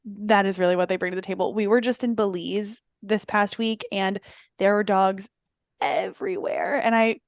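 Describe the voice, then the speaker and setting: A woman's voice: mid-range voice, steady tone, moderate pace, dry recording. A woman hosts a podcast in easy, casual chat. She rambles between topics and keeps firing questions at her guests. Her voice sits in a middle register and sounds dry, with no room around it. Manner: chatty, rambling, asks many questions. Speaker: podcast host.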